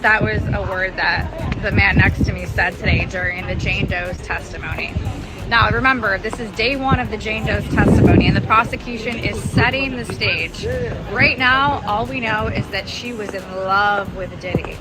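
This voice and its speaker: A woman's voice: medium pitch, moderate pace, over loud music, poor audio. A woman giving a gossipy on-the-scene recap of a trial. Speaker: trial reporter. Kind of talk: on-the-scene reporting.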